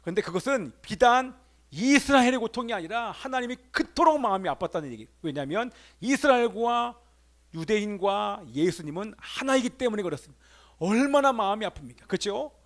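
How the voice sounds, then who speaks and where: High-voiced male pastor preaching. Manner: preaching with emphatic rises and call-outs to the congregation. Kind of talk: Sunday sermon. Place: church sanctuary.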